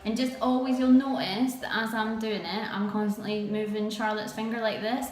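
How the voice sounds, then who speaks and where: A woman's voice: fairly high pitch, steady tone, moderate pace, reverberant. A woman nail technician giving a chatty live tutorial, quizzing and teasing her viewers.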